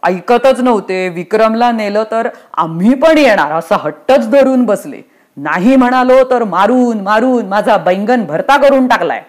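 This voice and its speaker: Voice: mid-range voice, lively intonation, a little slow, close to an everyday voice. A reader voicing a harried male messenger of death who complains and pleads. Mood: pleading. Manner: complaining, self-pitying. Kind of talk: storytelling play reading.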